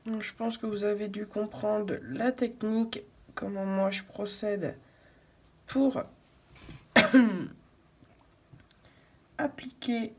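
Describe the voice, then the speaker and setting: Soft, slow-talking woman narrating her coloring. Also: medium pitch, steady tone, breathy edge. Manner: soft-spoken, often murmuring to herself with many fillers; absorbed, narrating each step as she works. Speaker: coloring video creator. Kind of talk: casual tutorial narration while coloring.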